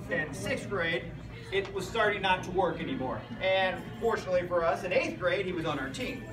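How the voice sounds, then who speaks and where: High-voiced American coach giving an informal speech. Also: male voice. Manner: rambling, anecdotal. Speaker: youth football coach. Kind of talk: informal banquet speech honoring a player. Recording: roomy, distant mic, loud music behind.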